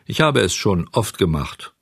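A man voicing a cheeky boy who talks in an eager, pushy, excited way. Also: low-pitched, measured pace, creaky, slightly rough, no room sound, clean studio sound, heavily acted.

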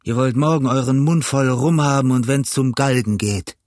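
A man voicing a cunning older pirate cook who talks in a gruff, blustering, lecturing way, in an audiobook reading. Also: medium pitch, moderate pace, darkish tone, dry recording, clean studio sound, close to an everyday voice.

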